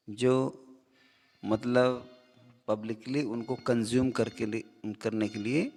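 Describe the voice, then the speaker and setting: A man teaching English vocabulary, reading definitions slowly word by word and then explaining them in Hindi. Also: mid-range voice, darkish tone, in a large hall. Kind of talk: vocabulary lesson.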